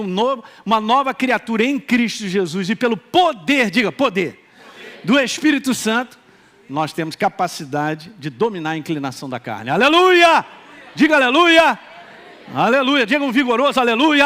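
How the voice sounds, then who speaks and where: Man, pastor, Minas Gerais accent, high voice, swooping animated delivery, live sermon. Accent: Minas Gerais Brazilian Portuguese. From Minas Gerais, Brazil. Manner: animated, acts out quoted voices, calls for responses. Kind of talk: lively sermon.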